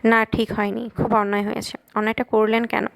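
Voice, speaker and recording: A woman reading the lines of a quiet, apologetic young man in an audiobook. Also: on the high side, flat delivery, fairly quick, creaky. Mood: subdued. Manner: subdued, apologetic.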